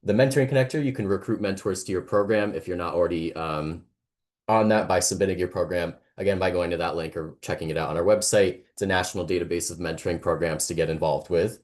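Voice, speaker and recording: A man's voice: low-pitched, fast, a little mellow. A man hosting a webinar on a video call, upbeat and appreciative, with frequent "um"s. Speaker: webinar host.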